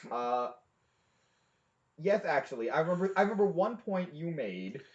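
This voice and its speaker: A young man on a podcast, trading crude, teasing jokes in loose casual chat. His voice sits a little high for a man. The sound is dull and lo-fi. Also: expressive, moderate pace. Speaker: podcast co-host.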